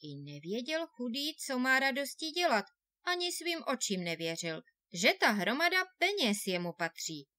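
A woman reading an old fairy tale aloud with expressive storytelling. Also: high voice, no room sound. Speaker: audiobook reader.

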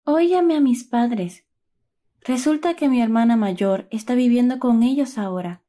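Woman doing anxious young storybook mother, higher voice, warm mellow tone, earnest. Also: normal speed, natural voice. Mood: distressed. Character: young woman, worried new mother of triplets.

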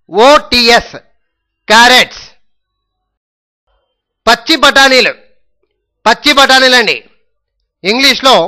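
A man's voice: very high-pitched, pushed and bright. A man with a Telugu accent teaching English vocabulary, spelling each word letter by letter and repeating it several times. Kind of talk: slow spelling lesson in Telugu.

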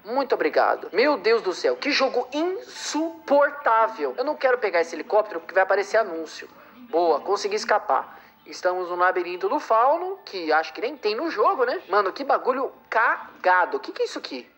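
A man's voice: high-pitched, sing-song, a little fast, a bit bright, husky. A man doing comedic gameplay commentary, ranting and mocking the ads that keep interrupting him. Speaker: game streamer.

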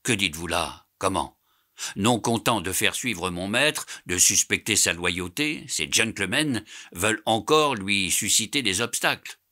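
A man voicing an excitable, indignant young manservant. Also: on the low side, a little slow, heavily acted. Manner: indignant, animated outbursts. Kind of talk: audiobook character reading.

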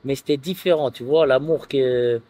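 A man in his thirties from France, a footballer guest chatting casually on an outdoor terrace, relaxed and full of filler phrases. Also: medium pitch, moderate pace. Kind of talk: casual interview chat.

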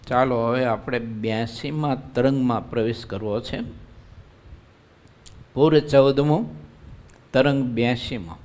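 A man who is a monk, giving a devotional sermon at a live religious gathering in a conversational way, often asking his listeners rhetorical questions. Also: medium pitch. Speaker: monk preacher.

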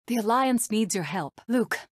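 Animated Princess Leia, poised rebel leader. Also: female voice, fairly high pitch, measured pace, dry recording, clean studio sound. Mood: friendly, concerned. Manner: poised, commanding, crisply courteous. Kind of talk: video game character voice clips.

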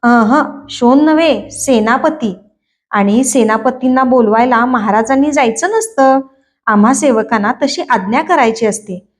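Brief: woman playing a cheeky boy courtier, teasing and playful, a touch high, storybook reading. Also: lively intonation, normal speed.

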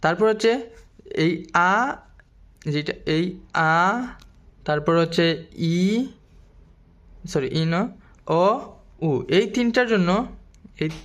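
A man teaching a language lesson, mixing in English phrases and repeating syllables slowly for drilling. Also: high-pitched. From Bangladesh. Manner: mixes English phrases into explanations.

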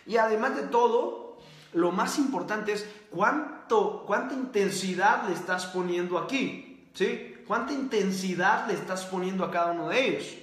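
Guy doing a pumped-up motivational talk, kinda high voice, repeats stuff, echoey room. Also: a bit bright. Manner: emphatic, repeats key phrases, addresses listeners as "señores"; asks the audience quick yes-or-no questions. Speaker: motivational speaker and host. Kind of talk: motivational book-summary talk to camera.

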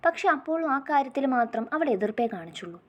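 A woman voicing a cheerful, playful teenage girl who talks in an excitable, teasing way. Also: fairly high pitch, fast, muffled recording. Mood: chatty.

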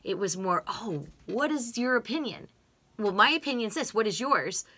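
A middle-aged American woman, an interviewee and co-host, speaks at a normal pace in a fairly high, bright, emphatic voice during casual conversation. She's expressive, gestures with her hands and repeats things for emphasis. She's recorded indoors on a desk mic on a stand in a small home room with bookshelves.

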